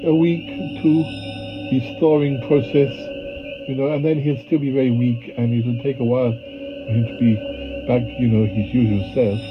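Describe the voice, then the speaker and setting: A man as a halting, gentle caretaker. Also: mid-range voice, fairly even intonation, close to an everyday voice. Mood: gentle, reassuring. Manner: halting, polite, repeats himself. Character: gentle, fussy, reassuring male caretaker. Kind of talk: character audio drama. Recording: muffled sound with prominent music. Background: music.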